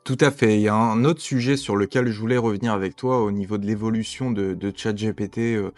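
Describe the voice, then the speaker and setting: A man's voice: on the low side, fairly even intonation, fairly quick, darkish tone, no echo, soft background music. A man hosting a casual podcast interview, asking questions with lots of hesitations and fillers. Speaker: podcast host.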